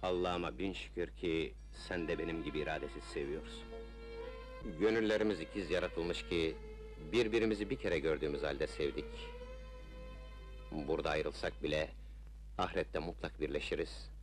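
A man's voice: extremely low pitch, fairly even intonation, moderate pace. An actor playing an ardent, resolute Ottoman officer in an old film melodrama, speaking in solemn, poetic declamation. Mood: lovestruck, tender. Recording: old film soundtrack with music. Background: film music.

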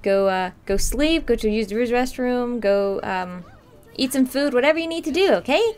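Cute anime streamer lady, kinda high bubbly voice, chatting on stream w game music behind her. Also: lively intonation, moderate pace, a little mellow. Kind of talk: casual live-stream chat while gaming.

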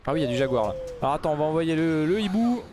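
A man giving casual let's play commentary, mumbling then bursting into loud outbursts. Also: on the high side, very fast, background noise. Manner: excitable, swings from mumbling to outbursts. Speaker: gaming YouTuber.

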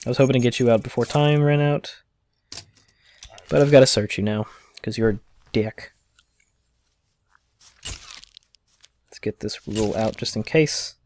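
A man's voice: mid-range voice, steady tone, unhurried, pauses often, darkish tone, slight background noise. A man casually commenting as he plays a video game, chatting and reading its text aloud. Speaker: let's play host.

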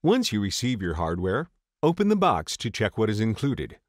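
Male narrator, lowish voice, dry booth sound, calm measured instructional read. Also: no echo. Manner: steady, measured reading of steps. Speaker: tutorial narrator. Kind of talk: scripted instructional voice-over.

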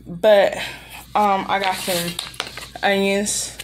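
Speaking extremely slowly with a medium-pitched voice that barely moves, a woman in her thirties vlogs from a room in her apartment. She holds the camera at arm's length and rambles casually and bluntly, sounding irritated. Background noise is audible.

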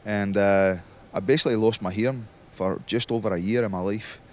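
Low-voiced man chatting outdoors. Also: brisk. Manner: relaxed, rambling with many fillers. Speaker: interviewed singer. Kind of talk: casual interview. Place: outdoors at a festival.

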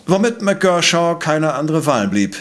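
An actor playing a coolly precise professor-detective in a radio play, questioning in a formal, probing way. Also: male voice, fairly high pitch, very animated, unhurried. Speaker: voice actor in audio drama.

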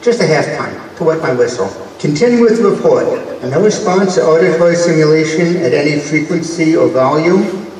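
A dry, sardonic space professor, played by a man on stage, tossing off weary quips in a middle-pitched voice. The sound is roomy and distant, carrying the long echo of a big hall. A faint hum of ambience sits underneath. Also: lively intonation, brisk, a little mellow, natural voice. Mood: exasperated. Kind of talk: live stage radio-play acting. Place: large convention hall stage. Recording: echoey hall, distant mic.

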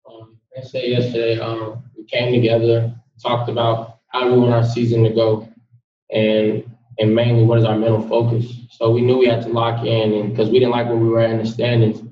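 A man's voice: medium pitch, monotone, normal speed, roomy sound, far from the mic, muffled recording. A young man, a college basketball player, speaking plainly at a postgame press conference. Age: young adult.

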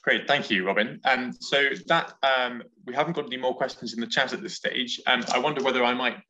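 A man in his thirties moderating a seminar Q&A over a headset on a video call, polite and even. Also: mid-range voice, fairly quick, poor audio.

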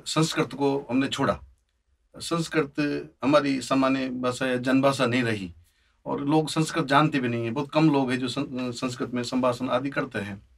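A man's voice: mid-range voice, steady tone, normal speed, vocal fry, far from the mic. A man at a religious gathering speaking hesitantly with many fillers. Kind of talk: discussion talk.

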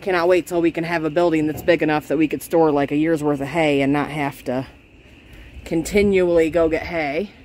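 A woman's voice: low voice, fairly even intonation, brisk, a little mellow, a little hiss or hum. A woman in her thirties casually narrating farm chores, explaining each step in a chatty, practical way, filmed on a handheld phone around a barn. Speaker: homestead vlogger. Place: barn and farmyard outdoors. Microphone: handheld phone camera.

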